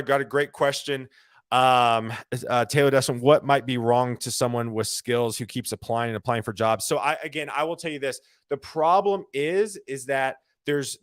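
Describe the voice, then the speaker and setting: A man hosting a solo live show as a recruiter, giving career advice in an energetic, rambling way. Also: mid-range voice, dry recording. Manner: energetic, rambling, quick restarts and repeated phrases.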